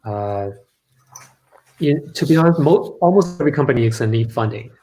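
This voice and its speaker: A man's voice: medium pitch, animated, brisk, warm tone, a little hiss or hum, low-quality recording. A man originally from Los Angeles, a startup founder speaking as a guest in a casual online conversation, with many ums as he explains. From Los Angeles, California. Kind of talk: live online event conversation.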